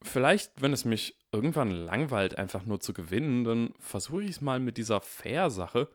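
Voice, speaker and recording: A man's voice: mid-range voice, sing-song, normal speed, no room sound, studio quality, natural voice. A man reading aloud and voicing a clever, smug boy wizard who talks in a teasing, self-assured way.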